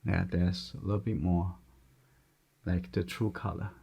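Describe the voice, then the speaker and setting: Gentle, low gravelly male painting instructor. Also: little pitch movement, unhurried. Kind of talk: step-by-step painting demonstration, unscripted.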